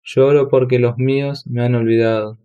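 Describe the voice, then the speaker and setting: A man's voice: mid-range voice, level tone, moderate pace, dark tone, clear, resonant tone, lo-fi sound, lightly acted. A man voicing a plaintive blind old hermit. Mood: lamenting. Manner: plaintive, brusque. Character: blind old male hermit, grieving and weeping.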